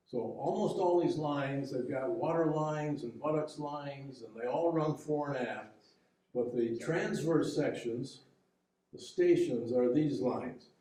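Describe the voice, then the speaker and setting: A man walks an audience through boat-building slides, explaining each step patiently with frequent restarts. His voice is mellow and relaxed. He sounds set back from the microphone in a boomy, echoing room. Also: distant mic. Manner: explanatory, halting with fillers and restarts. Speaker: local history talk presenter, boat builder. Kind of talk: public history lecture with slides. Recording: echoey room, heard from afar.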